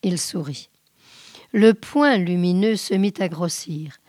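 Slow, measured woman reading a story. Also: fairly low pitch, no echo, clean studio sound. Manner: slow, measured, often hushed. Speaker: reader. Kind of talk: audiobook reading of a short story.

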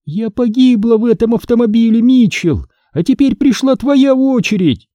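Man doing a slow, eerie ghost girl. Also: very high-pitched, mellow, no echo, dull audio, voice pushed up. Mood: menacing. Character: vengeful ghost girl of fourteen.

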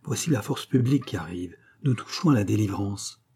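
A man voicing an excitable elderly academy secretary who speaks with relief in a storybook reading. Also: fairly low pitch, brisk, husky. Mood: relieved.

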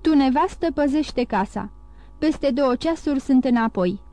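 A woman voicing a poor, excitable male innkeeper who exclaims fervently in an audiobook. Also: high voice, no echo.

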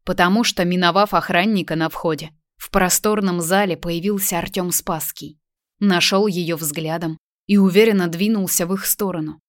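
Reading a novel aloud, a female audiobook narrator keeps a calm, even storytelling manner in a lowish voice at a moderate pace. The scripted narration is dry, with clean studio sound.

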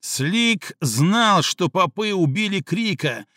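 A man voicing an angry, scheming male gang rival who shouts his accusations. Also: sits high, animated, moderate pace, no echo, clean studio sound, voice pushed up. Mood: shouting. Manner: loud, shouting.

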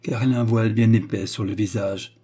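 A man voicing a deferential valet with brief, matter-of-fact replies, in a dark, husky voice. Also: lowish voice, fairly even intonation, a little fast. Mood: plain. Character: male valet, plain and deferential.

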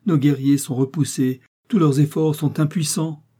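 Give me a group of frightened serving women voiced by a man crying out urgent news. The voice is mellow, slightly husky and hurried in tone. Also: fairly high pitch, fairly even intonation, pitched above the performer's own voice. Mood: panicked. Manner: urgent, alarmed declamation. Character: terrified sobbing serving women.

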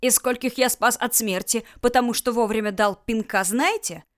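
A woman's voice: a little high, moderate pace, natural voice. A woman voicing a blunt, hot-tempered tough man. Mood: furious. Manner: barking, blunt. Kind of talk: audiobook character voice.

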